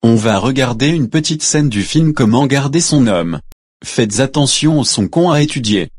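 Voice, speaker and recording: A man teaching French pronunciation in a slow, deliberate way, sounding out each vowel and giving examples. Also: medium pitch, lively intonation, breathy edge, no echo, studio quality.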